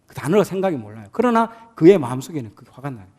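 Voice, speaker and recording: Animated male seminar speaker from South Korea. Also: fairly high pitch, rapid-fire. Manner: animated, acts out quotes. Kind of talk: live seminar talk on empathy.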